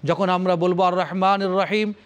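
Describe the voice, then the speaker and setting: A man's voice: high-pitched, steady tone, moderate pace. A man giving a televised religious lecture on the Quran. He recites Arabic verses and explains them in formal, rhythmic, repeated phrases, addressing his audience solemnly. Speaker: Islamic scholar presenting Quran commentary.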